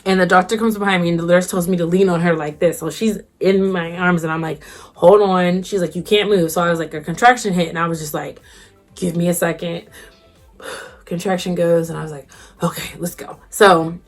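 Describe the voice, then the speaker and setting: A young adult woman vlogger telling a personal story casually, acting out what people said with big jumps in pitch. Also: fairly quick, faint music behind. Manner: animated, acts out quotes with big pitch jumps.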